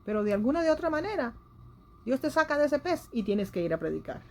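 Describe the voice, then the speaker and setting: A woman's voice: high-pitched, sing-song, fast talker. A woman preaching a sermon in a church's home broadcast, in an earnest manner that rises and falls in intensity. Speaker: lay preacher.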